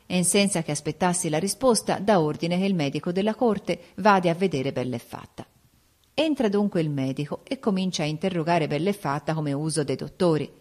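A woman's voice: fairly low pitch, brisk, darkish tone. Woman narrating a folk tale audiobook. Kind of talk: reading a folk tale aloud.

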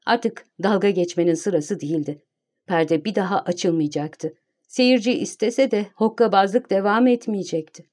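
Brief: female audiobook narrator, measured delivery, warm low timbre. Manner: calm, measured reading. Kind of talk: scripted narration.

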